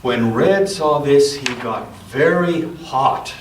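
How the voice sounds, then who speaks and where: With a medium-pitched voice, a man reads a children's story aloud inside a church for listeners of every age. He uses deliberate pauses and emphasis for drama and steps aside to chat casually with the group. A distant mic captures the echo and a faint hiss.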